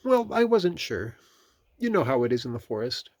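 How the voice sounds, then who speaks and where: A man's voice: mid-range voice, big pitch swings, normal speed, a little mellow, no room sound, voice pushed up. A man voicing a fussy, cautious, evasive rabbit in a children's storybook, speaking in a prim, polite, clipped way.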